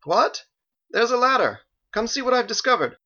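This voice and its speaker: Narrator voicing a scholarly man, eager, absent-minded, high lifted pitch, dull lo-fi sound. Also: big pitch swings, moderate pace, pushed and bright, full character voice. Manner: eager, apologetic.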